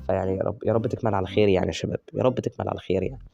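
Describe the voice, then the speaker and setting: Egyptian man, rapid-fire game commentary, cheers on his players, warm mellow tone, faint music underneath. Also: low-pitched, creaky, dull audio. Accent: Egyptian Arabic. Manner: excitable, chatty, cheers on players by nickname. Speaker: gaming YouTuber. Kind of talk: live gameplay commentary.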